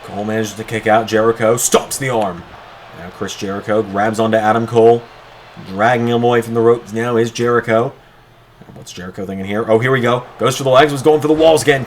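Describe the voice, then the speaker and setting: Man calling wrestling like an excitable commentator, over noise. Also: mid-range voice. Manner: excitable wrestling commentator delivery, drawn-out calls of moves. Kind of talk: wrestling commentary of a video game match.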